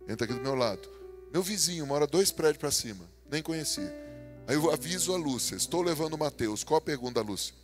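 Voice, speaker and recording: A man with a Brazilian Portuguese accent preaching a humorous sermon, telling stories and acting out dialogue, swinging between loud bursts and quiet asides. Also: on the high side, fairly quick, soft background music. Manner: animated, jokey, acts out dialogue, swings from loud to soft.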